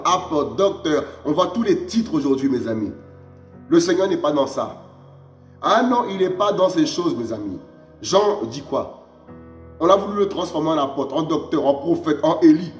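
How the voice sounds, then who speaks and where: A man with a high voice preaches an emphatic sermon, pushing his questions up and then sinking low to address his friends. His voice rings in a reverberant room. Soft music plays underneath. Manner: emphatic, repeats "mes amis" in a low drop; rhetorical questions, rising exclamations.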